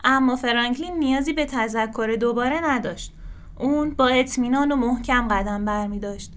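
High-voiced woman reading a kids' story, gentle and expressive.

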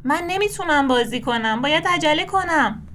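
A woman voicing a young, eager male turtle who sounds hurried and urgent in a storybook reading. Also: high-pitched, animated, fairly bright tone, a little hiss or hum.

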